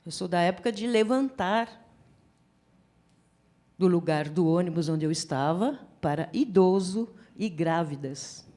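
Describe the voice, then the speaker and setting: A woman giving a psychology lecture at a forum, chatty and animated, acting out little scenes as she talks. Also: lowish voice, a little slow. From Brazil. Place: lecture hall.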